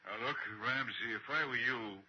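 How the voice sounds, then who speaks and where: A muffled vintage radio recording holds a man acting a family lawyer. His husky, mid-pitched voice is calm and courteous but firm, in retro suspense drama style. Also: normal speed, close to an everyday voice. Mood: composed.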